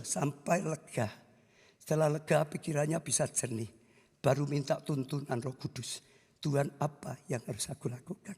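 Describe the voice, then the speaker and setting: A man preaching a sermon as pastor, telling a story to the congregation in an animated way, swinging between loud bursts and hushed tones. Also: a little high, slightly rough. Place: church hall. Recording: echoey church hall with long reverb.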